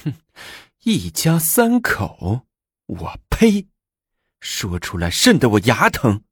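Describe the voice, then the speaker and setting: A man's voice: mid-range voice, wildly swooping pitch, breathy edge, no room sound, clean studio sound, voice pushed up, heavily acted. A man voicing a haughty, scheming young empress who sneers and commands punishments. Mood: sneering. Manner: sneering, drawn-out mocking lines.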